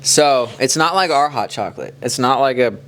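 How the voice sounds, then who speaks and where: A man's voice: mid-range voice, normal speed. A man from the Kansas City area co-hosting a podcast, chatting casually and telling stories in a loose, rambling way. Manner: relaxed storytelling, loose with "like". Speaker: podcast co-host. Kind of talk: casual chat.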